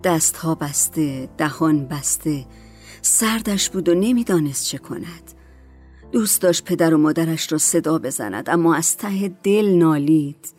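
A woman narrating a story as an audiobook in a calm, measured way. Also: low voice, faint music behind.

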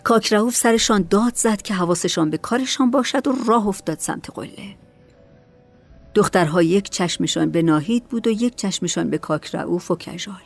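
A woman narrating a novel in a calm, measured voice. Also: medium pitch, gravelly, faint music behind. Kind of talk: storybook narration.

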